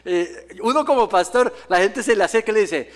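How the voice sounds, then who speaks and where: A man's voice: high-pitched, expressive, a little fast. A male pastor preaching a sermon in a church, telling stories with humor and acting out the voices he quotes. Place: church sanctuary.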